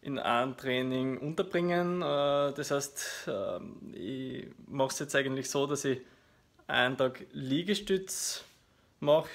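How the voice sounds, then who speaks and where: A man in his thirties with an Austrian German accent casually explains his workout to camera, in a hesitant, explanatory way with frequent filler pauses. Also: medium pitch, fairly bright tone. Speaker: fitness vlogger. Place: small living room at home, indoors. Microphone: phone at arm's length.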